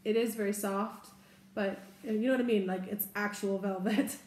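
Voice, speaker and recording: A woman's voice: medium pitch, fairly even intonation, normal speed, darkish tone. Chatty woman in an echoey room. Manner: chatty and rambling, upbeat. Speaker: haul vlogger. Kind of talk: casual product haul chat. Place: room indoors, seated at a table. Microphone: camera in front at table distance.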